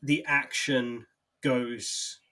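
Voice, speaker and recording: A man co-hosting a podcast lays out his view of a film in a measured, thoughtful way. His voice sits at an ordinary middle pitch. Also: fairly even intonation, bright, forceful tone. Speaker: podcast co-host. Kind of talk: casual film discussion.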